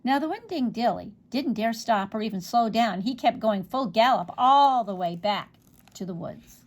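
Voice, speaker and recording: A woman reading a children's picture book aloud, expressive, with small slips and restarts. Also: fairly high pitch, moderate pace. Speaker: storybook reader.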